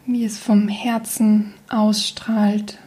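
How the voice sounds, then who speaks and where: Speaking in a mid-range voice, a woman leads a guided meditation, soft and breathy, nearly whispering, with a calm, soothing manner and long pauses. The recording quality is low.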